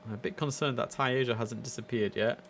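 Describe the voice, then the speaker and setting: Streaming a game live from an indoor computer setup, a young adult man chats with enthusiasm in a medium-pitched, somewhat bright voice at a quick pace. There's slight background noise.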